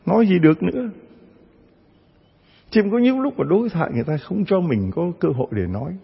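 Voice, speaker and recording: Priest giving a sermon, raspy voice, acts out other voices, reverberant lo-fi church recording. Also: male voice, sits high, expressive, fairly quick. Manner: storytelling, acts out parishioners' voices. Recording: dull sound with long church reverb.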